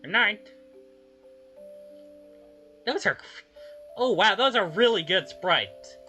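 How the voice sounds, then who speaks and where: A woman reading video game dialogue aloud with expressive, animated delivery. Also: mid-range voice, slow, soft background music. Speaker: game player voicing dialogue.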